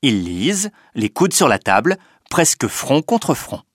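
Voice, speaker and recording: A man reading a children's story aloud in an expressive, unhurried way. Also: mid-range voice, no echo, clean studio sound. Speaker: narrator.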